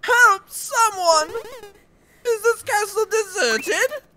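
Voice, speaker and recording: A man's voice: extremely high pitch, lively intonation, takes it slowly, noisy background, exaggerated voice. A man voicing a stern royal guard who barks commands, over game music. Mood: commanding. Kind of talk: let's play voice acting.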